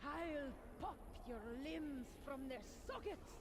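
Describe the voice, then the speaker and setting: A woman's voice: high-pitched, lively intonation, slow pace, noisy background. A woman playing a crazed, haughty villainess in a fantasy game, delivering menacing, grandiose monologues. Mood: deranged grandeur. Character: crazed, haughty villainess kidnapper who calls herself a goddess. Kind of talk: scripted fantasy game voice acting.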